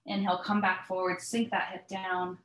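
A woman instructor guiding a stretching class with breathing cues in a calm, measured, step-by-step manner. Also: lowish voice. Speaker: yoga and mobility instructor. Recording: echoey, roomy sound.

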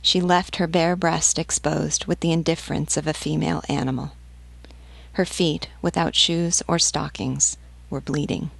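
A woman narrates a classic novel aloud, in a measured, deliberate reading. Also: low voice, fairly even intonation, creaky, breathy edge, dry recording. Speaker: audiobook narrator.

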